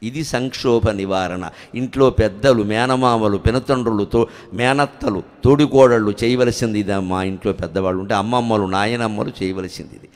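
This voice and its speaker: A man's voice: lowish voice, moderate pace. An older man giving a dramatic religious discourse in a temple hall, sometimes chanting verse in a sung tone. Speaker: spiritual orator. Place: temple hall before a large crowd. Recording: echoey hall reverb.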